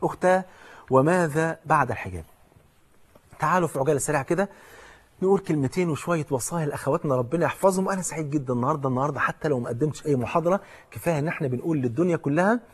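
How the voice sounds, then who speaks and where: A man's voice: a little high, racing, husky. A middle-aged man with an Egyptian Arabic accent, a preacher giving a religious lecture, reading out long lists of names and then exhorting his listeners.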